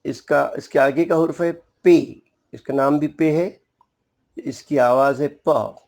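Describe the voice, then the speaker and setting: Man, language teacher, slightly high voice, unhurried, formal and courteous, patient explanations. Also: fairly even intonation, darkish tone. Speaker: Urdu teacher. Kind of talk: slow spoken language lesson.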